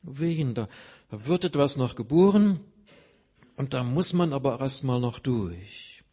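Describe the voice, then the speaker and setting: A man's voice: medium pitch, animated, unhurried, dark tone, breathy edge. A man preaching a sermon, earnestly explaining scripture with everyday examples.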